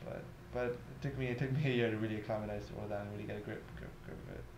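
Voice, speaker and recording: A man's voice: on the low side, steady tone, racing. A man in his twenties from Tanzania, a college student talking in a casual, easygoing way in a documentary interview, often saying "you know". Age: 20s. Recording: echoey room with clear background noise.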